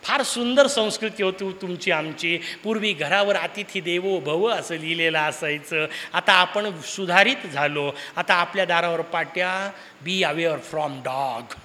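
A man's voice: sits high, unhurried, few pauses, sharp tone, slight background noise. A man giving a devotional discourse to an audience, telling a story with humor, rhetorical questions and sudden emphatic bursts, with a Marathi accent. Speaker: preacher of a discourse series. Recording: hall with long reverb.

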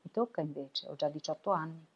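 A woman's voice: sits low, fairly quick, breathy edge. A woman reading Odino, a blunt teenage guy. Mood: resigned. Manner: offhand, teasing. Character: eighteen-year-old young man, joking, blunt. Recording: lo-fi web radio audio.

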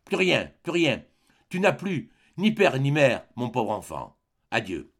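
A man reading aloud, voicing a broken middle-aged mother who speaks low, slow and grave. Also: big pitch swings, full character voice. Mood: despairing. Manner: low, quiet and heavy, with slow grave phrasing.

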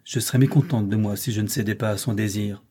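A man reading an audiobook, voicing a reserved and firm young woman governess in measured, restrained dialogue. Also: on the low side, fairly even intonation, mellow, breathy edge. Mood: earnest.

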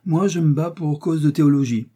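A man's voice: fairly high pitch, a little fast, dark tone, breathy edge, pitched above the performer's own voice. A man reading the lines of a pious young male musketeer, light and questioning.

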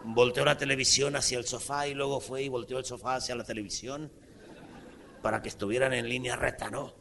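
Un humorista mexicano que cuenta un chiste largo en un espectáculo en vivo, con muchas groserías y energía. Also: male voice, mid-range voice, a little fast, creaky, slight background noise. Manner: profane, rowdy, animated. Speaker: stand-up comedian. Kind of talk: crude live stand-up storytelling.

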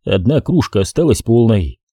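A man's voice: mid-range voice, lively intonation, normal speed, mellow, breathy edge, dry recording, clean studio sound. A man narrating a first-person army story, blunt and slangy, swearing often. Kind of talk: first-person audiobook narration of soldier prose.

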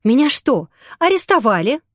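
A woman voicing a frightened, defiant young woman in an audiobook, speaking in a sharp, snapping way. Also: sits high, very animated, normal speed, dry recording, clean studio sound, pitched above the performer's own voice.

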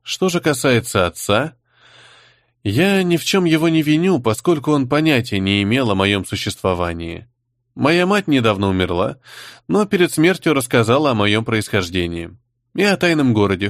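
A man reading the part of a composed young woman who answers an interrogation calmly and with pointed defiance. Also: mid-range voice, no echo, studio quality. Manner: calm, measured, pointed.

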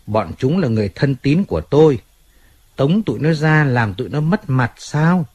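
A husky-voiced man reading the part of a stern older mafia boss who speaks coldly and deliberately in an audiobook. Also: mid-range voice, expressive, a little mellow, no room sound, voice pushed up. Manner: cold and measured. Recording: faint music in background.

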